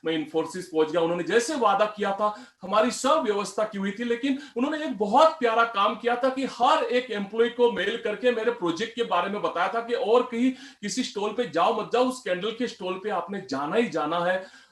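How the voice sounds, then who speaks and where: A man's voice: high-pitched, brisk, a bit bright, reverberant. A middle-aged man giving a motivational speech, telling a story from his life and addressing the audience as friends. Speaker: motivational speaker.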